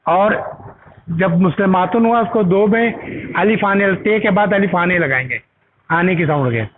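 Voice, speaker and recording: A man's voice: high voice, measured pace. A man teaching an Arabic grammar class, patiently repeating each word with its meaning and asking learners to say it aloud. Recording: tinny phone-like recording with loud noise.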